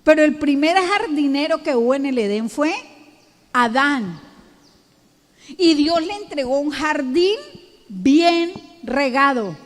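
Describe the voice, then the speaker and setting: A woman pastor with a Colombian accent delivering an emphatic sermon, drawing out words and rising to peaks. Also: high-pitched. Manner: emphatic, slow, drawn-out preaching with rising peaks. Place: church hall. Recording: long church hall reverb.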